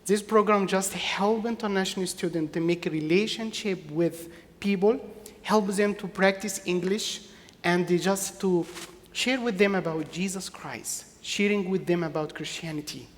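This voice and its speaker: A woman addresses a church gathering in slightly low, halting non-native English, pausing often on fillers. Her voice rings out with a long reverb, as in a large hall. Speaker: church program leader speaking to a congregation. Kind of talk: informal talk at a church gathering.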